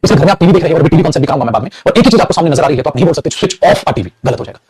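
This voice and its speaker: A man's voice: on the high side, animated, rapid-fire, darkish tone, breathy edge. A man teaching an English grammar lesson in Hindi, calling his students beta and repeating his points with emphasis, with a Hindi accent on English words.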